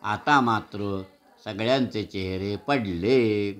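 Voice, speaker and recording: A man with a low voice reads a children's story aloud. His delivery is measured and expressive, with the odd throat clearing between sentences.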